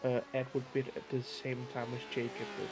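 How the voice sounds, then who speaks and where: A man co-commentates a sim race live, analytically adding reference details about gaps and pit stops. His mid-range voice is completely flat and fairly quick, and loud race car engine noise fills the stream.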